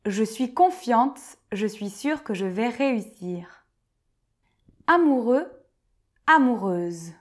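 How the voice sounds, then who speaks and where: A woman teaching French vocabulary slowly and clearly, reading each word and then a short example sentence. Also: fairly high pitch, lively intonation.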